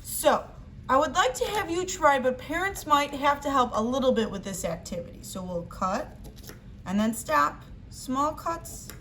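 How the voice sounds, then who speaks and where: A woman with a high voice speaks as a teacher to young children, giving simple craft instructions one step at a time. She addresses the children directly. There is clear noise behind her voice. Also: lively intonation, measured pace, a bit bright.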